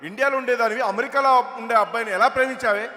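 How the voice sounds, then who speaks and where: A man's voice: very high-pitched, fast, bright, forceful tone. Man playing a wailing, exasperated father. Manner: wailing, dramatic. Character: exasperated father of a teenage daughter. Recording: echoey hall PA.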